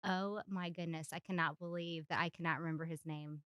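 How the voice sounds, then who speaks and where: A woman's voice: fairly low pitch, fairly quick, clean tone, dry recording, studio quality. A young woman, a business owner guesting on a podcast, chatting enthusiastically and laughing often. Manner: giggly, enthusiastic, animated. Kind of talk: casual chat.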